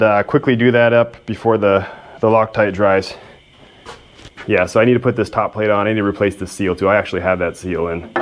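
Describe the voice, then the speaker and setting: A man's voice: on the low side, slight background noise. A man hosting a repair video, talking casually and self-deprecatingly as he works in a workshop. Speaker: host of a machinery repair video. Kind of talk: casual hands-on repair narration.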